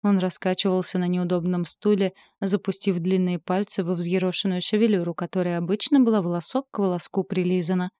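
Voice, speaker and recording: Give me a woman with a low, warm voice narrating a story steadily. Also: steady tone, brisk, few pauses, no echo, studio quality. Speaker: audiobook narrator. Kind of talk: first-person story narration.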